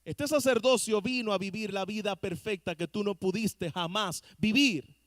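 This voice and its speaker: This man, a pastor, delivers a sermon in a church at a normal pace, his voice sitting high. He addresses his listeners directly and earnestly, asking the congregation rhetorical questions, and the sound is dry and clean, like a studio.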